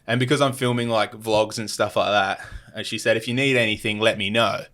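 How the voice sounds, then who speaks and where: A man's voice: on the low side, steady tone, fairly quick, a bit bright. Rambling Australian guy telling a story. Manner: rambling, lots of fillers and restarts, acts out quoted lines. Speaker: podcast guest. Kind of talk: casual storytelling.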